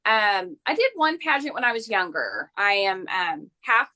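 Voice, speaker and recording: A woman's voice: mid-range voice, sing-song, a little slow, bright, forceful tone. A woman, a pageant titleholder answering interview questions in a friendly, casual way with light laughs. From Oklahoma, USA.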